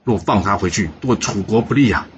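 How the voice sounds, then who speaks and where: A hot-tempered male court minister, as a storyteller puts him on, urging his king with an insistent, pressing tone. The voice sits low, and the recording sounds slightly muffled with a faint hiss under it. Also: lively intonation, fairly quick, natural voice. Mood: indignant.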